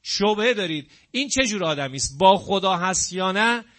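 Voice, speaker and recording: A man's voice: high voice, lively intonation, a bit bright. A man preaching an emphatic sermon, quoting Arabic verses to his listeners.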